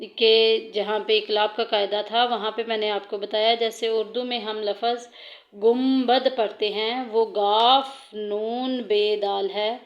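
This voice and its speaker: A woman leads a tajweed lesson at a slow, deliberate pace, laying out each rule step by step between drawn-out recitations. Her voice sits a little high. The recording is muffled and lo-fi. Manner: patient, explains rules step by step, recites verses slowly. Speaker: Quran recitation teacher.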